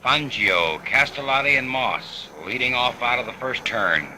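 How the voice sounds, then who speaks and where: A man narrating race footage on an old 1950s film soundtrack, relaxed and dropping wry asides. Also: mid-range voice, unhurried. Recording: hissy, noisy vintage film recording.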